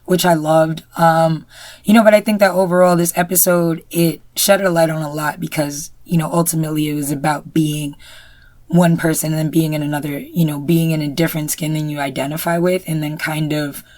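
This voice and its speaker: A woman with a low voice talks through a TV episode in loose, casual chat. She leans on "you know" again and again. The sound is close and dry. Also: level tone, brisk, a little mellow, dry recording. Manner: chatty, many "you know" fillers. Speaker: podcast co-host. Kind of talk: casual review discussion.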